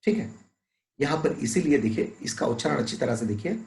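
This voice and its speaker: A man teaching a Hindi lesson to schoolchildren, drawing out each word slowly and drilling word pairs. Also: medium pitch, lively intonation, gravelly, a little mellow, roomy sound, poor audio. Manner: very slow, drawn-out and deliberate, drilling word pairs; addresses pupils as "beta".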